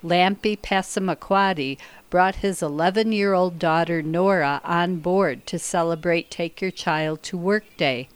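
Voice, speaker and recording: A woman's voice: fairly low pitch, measured pace, dry recording. Woman reading a mock news report. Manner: crisp, scripted news delivery. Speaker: radio show host.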